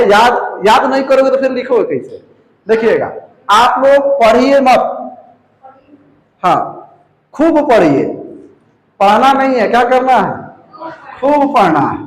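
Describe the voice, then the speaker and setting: A man with a very high voice teaches a physics class in a roomy space that echoes. He speaks with a touch, keeps repeating key terms and quizzing students. He calls the students "babu". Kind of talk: classroom lecture. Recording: echoey room.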